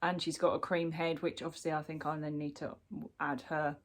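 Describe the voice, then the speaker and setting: In a deep, flat voice, a British crochet vlogger talks fairly fast through her current work-in-progress. She's clearly nursing a cold, sounding blocked up, and her casual show-and-tell rambles with frequent ums and restarts.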